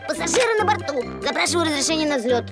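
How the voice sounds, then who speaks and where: A confident little boy animal from a cartoon. The voice is very high and swings animatedly, full of get-up-and-go, with children's music playing loudly behind. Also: animated, fast talker. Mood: businesslike. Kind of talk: cartoon voice acting.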